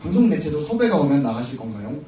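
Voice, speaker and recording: A man's voice: on the high side, very animated, fast talker, dark tone. A young man in his twenties, a band member, hosting a live showcase Q&A and reading out fan questions with joking banter. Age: 20s. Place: concert venue with an audience. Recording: echoey hall from a distance with faint noise.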